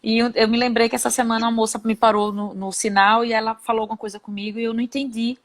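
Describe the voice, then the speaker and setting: Animated Brazilian woman telling stories. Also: a little high, quick pace. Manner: animated storyteller, laughs while telling. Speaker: guest. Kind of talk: casual video-call chat.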